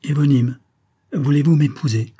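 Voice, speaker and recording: A man's voice: fairly high pitch, moderate pace, dark tone, breathy edge, pitched above the performer's own voice. A man voicing a proud, wounded young woman who speaks in tense, clipped demands while reading a novel aloud. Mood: pressing.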